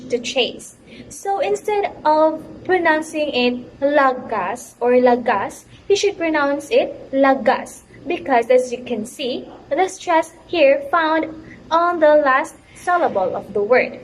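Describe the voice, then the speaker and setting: Young woman, student presenter, high voice, careful halting reading, faint background ambience. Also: slight background noise, poor audio. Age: young adult. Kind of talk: reading a class report.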